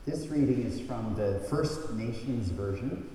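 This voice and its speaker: A man reading the gospel aloud at a church service in a slow, measured way, his voice carried by a cathedral echo. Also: medium pitch, lively intonation, mellow, a little hiss or hum. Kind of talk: liturgical scripture reading. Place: large church. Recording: cavernous church reverb from a distant mic.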